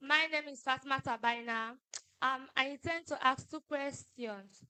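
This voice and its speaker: A woman asking careful, deliberate questions at a press conference. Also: high-pitched, pushed and bright, smooth. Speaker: audience member asking questions.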